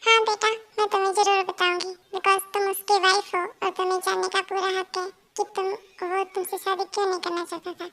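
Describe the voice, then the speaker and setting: A woman voicing a calm, soothing mother-in-law in a fan audio story, a little softer than her usual voice. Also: very high-pitched, fairly quick, few pauses, slight background noise, exaggerated voice.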